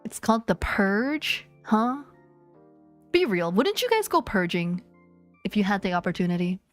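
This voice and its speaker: Woman streamer, playful rambling chat, very animated pitch, faint music behind. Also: measured pace. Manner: playful, rambling, chats with viewers. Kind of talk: casual live-stream chat.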